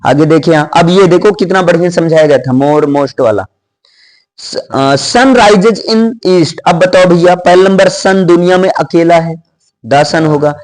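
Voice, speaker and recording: A man talks through English grammar exercises in Hindi, his voice sitting high for a man. He takes his time, asks his own questions before answering them, and reads the example sentences slowly and deliberately. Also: darkish tone. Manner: mixes Hindi with English terms. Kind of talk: casual classroom explanation.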